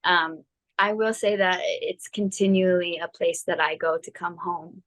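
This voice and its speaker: A woman speaking as a yoga teacher guest, thoughtful and measured with some hesitations. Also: on the low side, steady tone, a bit bright, low-quality recording. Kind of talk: reflective personal interview. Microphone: video call.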